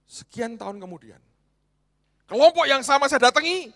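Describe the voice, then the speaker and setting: Lively, bright-voiced pastor preaching in a hall. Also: male voice, extremely high pitch, moderate pace. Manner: provocative, swinging between loud outbursts and hushed asides. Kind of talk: sermon. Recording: reverberant hall.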